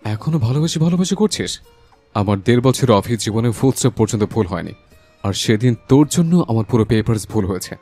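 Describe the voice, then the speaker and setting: In a dramatised romantic audio story over a music bed, a man plays a hot-tempered young husband who is fiercely protective and tender with his wife, speaking with emphatic feeling in a furious, scolding mood. His voice is mid-range, mellow, expressive and fairly quick, close to everyday speech and with no echo.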